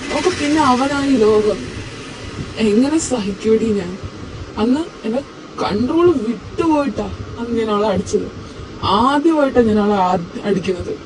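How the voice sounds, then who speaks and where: A man playing a heartbroken young husband in a home audio drama, talking haltingly with his voice rising and breaking. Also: high voice, natural voice. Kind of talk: amateur audio drama acting. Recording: noisy home recording.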